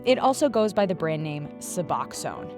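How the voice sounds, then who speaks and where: A woman's voice: deep voice, big pitch swings, normal speed, music in the background. A woman hosting a podcast, narrating a scripted story in a conversational, explanatory way. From Pacific Northwest, US. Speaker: podcast host.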